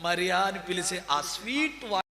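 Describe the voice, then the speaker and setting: A man's voice: sits high, expressive, moderate pace, sharp tone. A man preaching a sermon in a church hall, telling a story dramatically and checking that the congregation is listening. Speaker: pastor. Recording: echoey hall.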